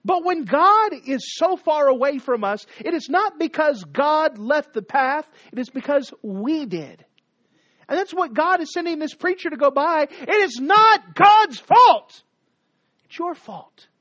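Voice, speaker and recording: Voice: high voice, lively intonation, a little slow, dry recording. Dramatic preacher, dull lo-fi sound. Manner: dramatic swings from loud to hushed; emphatic, repetitive cadence. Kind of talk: sermon.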